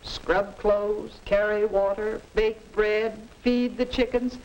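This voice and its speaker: A woman's voice: medium pitch, level tone, takes it slowly, darkish tone. A woman playing a tired, resigned old-time housewife with a plaintive manner, in 1950s educational film style. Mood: weary, resigned. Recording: noisy 1950s film soundtrack.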